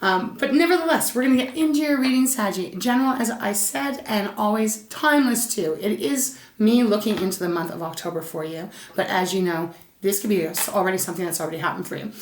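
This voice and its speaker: Speaking fairly quickly in a mid-range voice, a female tarot reader soothes and chats casually, calling her listener "Saggy." Her voice comes across a little scratchy and stuffed up. The recording sounds roomy.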